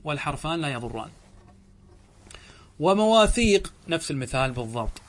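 A man's voice: fairly high pitch, fairly bright tone. Arabic grammar sheikh quizzing his class. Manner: asks a question and answers it himself, often restarts and corrects himself. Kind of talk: classroom lecture with questions and answers.

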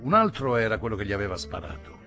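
Man reading a story aloud, low voice, lively dramatic delivery, faint music underneath. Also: fast talker, vocal fry. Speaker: audiobook reader. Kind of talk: literary audiobook narration.

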